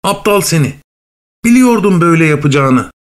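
A man's voice: fairly high pitch, lively intonation, normal speed, pitched above the performer's own voice, lightly acted. A man putting on a bossy, clever storybook cat. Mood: scolding. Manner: urgent, commanding. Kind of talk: storybook reading.

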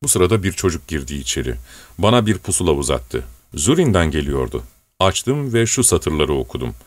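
A man narrating a literary story in the first person, measured and reflective. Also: rumbling low, very animated, no room sound. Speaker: audiobook narrator.

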